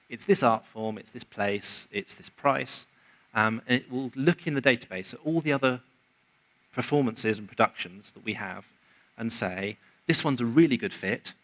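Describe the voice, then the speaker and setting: Bright-voiced man giving a conference talk. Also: mid-range voice, poor audio. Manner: conversational, explanatory, quotes others in acted asides. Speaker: conference speaker. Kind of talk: conference presentation. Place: conference venue.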